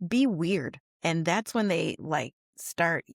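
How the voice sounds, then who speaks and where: Low gravelly-voiced woman educator. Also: slow, dry recording, clean studio sound. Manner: animated storytelling with laughs and fillers. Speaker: guest educator. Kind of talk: casual interview chat.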